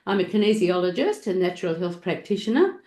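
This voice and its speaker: A woman's voice: lowish voice, sing-song, fairly quick, dark tone, echoey room. A woman hosting an interview, gushing with enthusiasm and heaping praise on her guest. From Australia. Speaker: podcast host and natural health practitioner.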